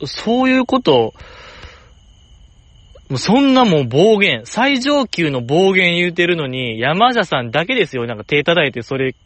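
A man with a Kansai accent chatting alone in a rambling, jokey way, jumping up in pitch to stress a point. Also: very animated, moderate pace, hardly any pauses, a bit bright, no room sound. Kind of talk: casual solo chat.

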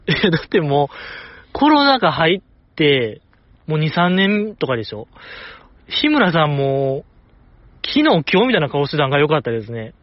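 A man's voice: a little high, no room sound. A man hosting a casual solo talk show, rambling with chuckles and mock-formal asides. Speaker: podcast host. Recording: slightly dull, dry recording.

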